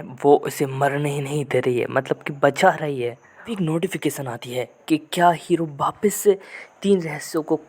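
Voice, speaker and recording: Chatty man recapping a comic story. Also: a little high. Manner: chatty, keeps rephrasing and explaining himself; mixes English words into Hindi speech. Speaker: manhwa recap narrator. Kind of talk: casual story recap narration.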